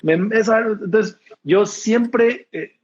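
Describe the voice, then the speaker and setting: Mexican preacher guy, highish husky voice, always smiling while he talks, kinda dull lo-fi sound. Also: takes it slowly. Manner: smiling, laughing tone of grace. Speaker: preacher, guest. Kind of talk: casual interview talk.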